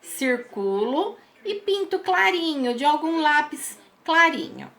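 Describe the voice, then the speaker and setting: A woman teacher talks children through their homework exercises, taking her time and using soft diminutives. Her voice sits high and sounds bright and clear. She speaks slowly and patiently. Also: big pitch swings. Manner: patient and slow, with many diminutives.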